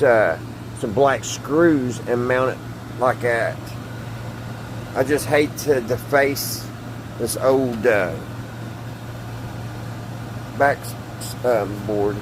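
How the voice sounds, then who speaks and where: In a small wood-panelled indoor workshop, the host of a hobby radio repair channel, a middle-aged man with a mid-range voice, chats casually while demonstrating hands-on tinkering. He thinks aloud in a folksy, hesitant way, and there is background noise.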